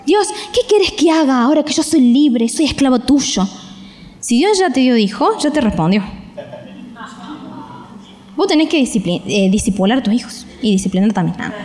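Animated Rioplatense woman preaching in a hall. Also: sits high, moderate pace, long pauses. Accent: Rioplatense Spanish. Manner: animated, conversational, acts out parents' voices. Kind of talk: sermon.

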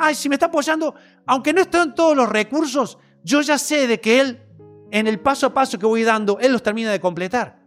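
A man's voice: extremely high pitch, fairly bright tone. A man with a Rioplatense Spanish accent preaching a sermon in an earnest, repetitive, story-driven way.

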